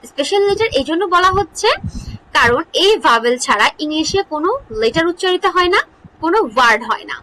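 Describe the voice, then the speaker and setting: A woman teaching an English grammar lesson in Bengali, asking questions and answering them herself, repeating example words slowly. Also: high voice, bright, forceful tone, slight background noise, rough recording. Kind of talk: online lesson explaining English spelling.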